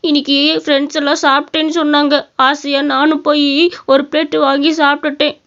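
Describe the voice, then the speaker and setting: A woman's voice: high voice, little pitch movement, fast talker, a bit bright. A woman voicing a crying little boy. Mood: tearful. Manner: tearful, whimpering. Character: young boy in pain, crying. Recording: dull lo-fi cartoon audio.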